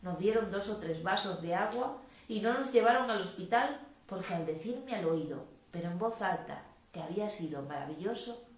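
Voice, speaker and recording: A woman giving a public reading of poetic prose in a measured, expressive way. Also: medium pitch, slight background noise. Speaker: reader. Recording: very echoey room.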